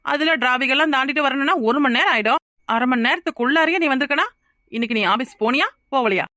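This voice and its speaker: A woman's voice: high voice, quick pace, sharp tone, no room sound, studio quality. A woman voicing a suspicious, sarcastic young wife in a cartoon, questioning pointedly with a Kanyakumari Tamil accent. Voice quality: sarcastic and probing. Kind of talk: cartoon voice acting.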